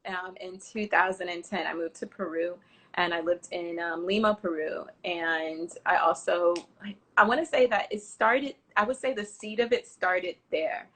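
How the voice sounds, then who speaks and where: A woman's voice: lowish voice, moderate pace. A woman in her thirties from Miami, Florida, a travel platform founder telling her story in a casual interview, chatty and full of fillers. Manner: chatty, animated retelling with acted-out quotes and many fillers.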